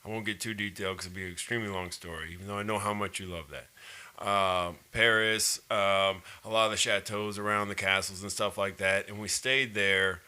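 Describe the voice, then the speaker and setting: A man's voice: lowish voice, fairly even intonation, fairly quick, sharp tone, clear, resonant tone. A man co-hosting a casual podcast, joking and teasing his friends in a mock-formal way. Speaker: podcast co-host.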